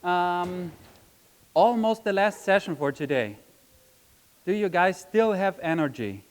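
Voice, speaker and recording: A man's voice: high voice, animated, slow, rough recording. Chatty man giving a conference talk. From Austria. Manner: chatty, frequent "um" and tag question "right?". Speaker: conference speaker. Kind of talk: conference presentation. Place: conference session room.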